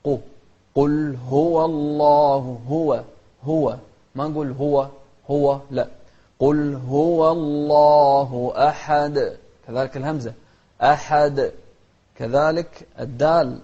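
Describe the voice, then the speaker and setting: A man teaching Quranic recitation to children, modeling each verse slowly, correcting mistakes and repeating. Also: a little high, fairly even intonation, warm tone. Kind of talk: tajweed lesson with modeled recitation. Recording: dull lo-fi recording.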